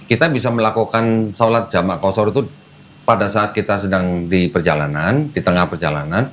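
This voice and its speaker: Guiding a convert, this man explains religious practice patiently and step by step, going back over key terms. The conversation is casual and takes place in an air-conditioned indoor room, and his low voice is fairly bright and fairly quick.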